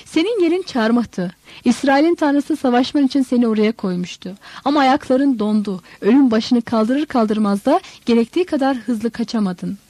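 A woman's voice: on the high side, moderate pace, mellow, no echo, lightly acted. A woman voicing a bitter, furious male apostle who rants and accuses in an audiobook story. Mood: furious, scornful. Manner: accusing, ranting.

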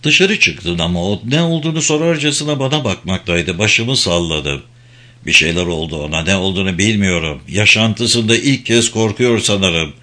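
Brief: male storyteller, lowish voice with a bright, tense edge, dramatic reading. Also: expressive, moderate pace. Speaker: narrator. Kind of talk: scripted audiobook narration.

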